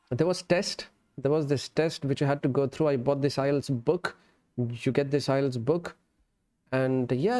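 Streaming a game from an indoor setup with music behind him, a man with a fairly high, dark-toned voice chats casually and warmly with viewers. He calls them friend and brother and switches between English and Urdu during the live stream.

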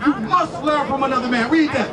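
A man's voice: very high voice, a little fast. A man in his forties preaching on a street corner into a handheld microphone, commanding and full of pointed questions. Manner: insistent, commanding, repeated rhetorical questions. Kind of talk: confrontational street sermon, explaining scripture. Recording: distant outdoor street PA, crowd noise.

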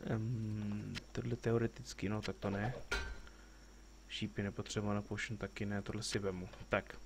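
A man's voice: lowish voice, level tone, creaky, noisy background. Joking man chatting through a game stream. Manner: joking, chatty, talks back to game characters and greets viewers. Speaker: live streamer playing a game. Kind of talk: casual gameplay commentary.

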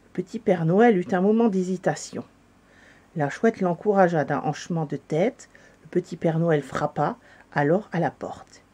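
A woman's voice: fairly low pitch, moderate pace, breathy edge. Woman reading a children's story. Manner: calm, gentle narration.

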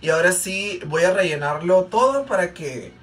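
In a relaxed gossip storytime vlog, a man with a Mexican Spanish accent does his makeup while chatting and rambling, filling his speech with fillers and repeats. His voice sits high and a bit bright, animated at a normal pace. The mic is distant, with faint background noise.

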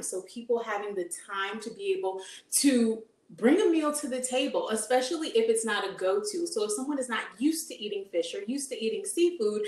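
A woman in her thirties, a dietitian, giving an upbeat live cooking demonstration in a home kitchen and asking her audience questions. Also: mid-range voice. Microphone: camera at medium distance. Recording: echoey kitchen room sound.

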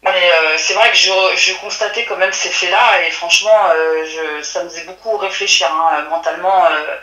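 A woman recounts what she witnessed in a halting way, stopping and restarting often. Her voice is bright and a little tense. The sound is roomy and echoey. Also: fairly low pitch, steady tone. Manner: halting, many restarts and fillers. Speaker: witness telling her story. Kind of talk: hesitant testimony by phone or call.

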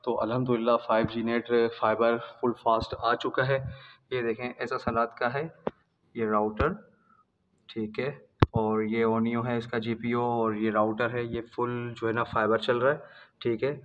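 A man's voice: mid-range voice, level tone, measured pace. Pakistani guy in his 30s showing off his gym on his phone, dull lo-fi sound, bit of hall echo. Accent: Pakistani Urdu. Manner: chatty, repeats "theek hai" as a tag. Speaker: gym owner and vlogger. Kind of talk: casual walkthrough vlog. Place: large indoor gym. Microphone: phone camera, selfie then walking. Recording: lo-fi phone audio with faint room noise and reverb.

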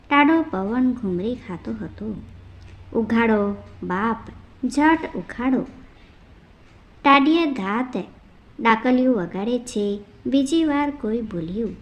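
A woman narrating a folk tale in a measured storytelling manner, reading the characters' dialogue within the narration. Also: fairly high pitch, lo-fi sound.

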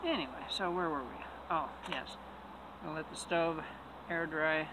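Relaxed man talking outdoors in the woods. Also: on the high side, a little slow. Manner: relaxed, chatty, self-amused. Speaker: bushcraft vlogger. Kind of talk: casual solo narration while working. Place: outdoors in winter woods, sitting on the ground. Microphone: camera mic on a nearby tripod. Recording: outdoor camera audio with steady background noise.

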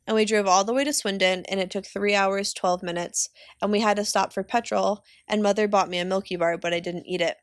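A woman reads a novel aloud for her students, steady and unhurried. Her voice sits in a middle register. The sound is dry and close, with no room around it. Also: medium pitch, no echo. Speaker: teacher reading aloud. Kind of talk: audiobook reading of a novel.

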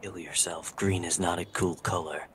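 Male actor for a rude, dismissive game hedgehog antihero; very deep register, improvised fan dub. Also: steady tone, moderate pace, a bit bright, slight background noise. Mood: scornful, insulting. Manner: blunt, profane, dismissive.

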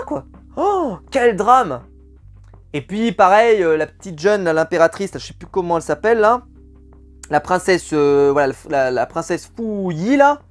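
Exasperated man reviewing a film. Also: high-pitched. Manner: exasperated, emphatic, repeats words for effect. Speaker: film critic. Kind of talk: casual spoken film review.

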